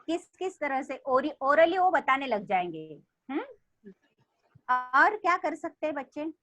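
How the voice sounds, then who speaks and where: A woman's voice: high voice, animated, unhurried, bright, forceful tone, dry recording, soft background music. A woman leading an online teacher training session on a video call, reading storybook lines aloud expressively.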